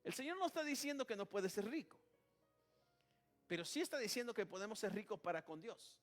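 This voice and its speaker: Male preacher, very high voice, sermon full of "hermano" and praises, soft music under it. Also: animated, brisk. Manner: repeats "hermano" and "alabado sea el nombre de Jesús", with many restarts.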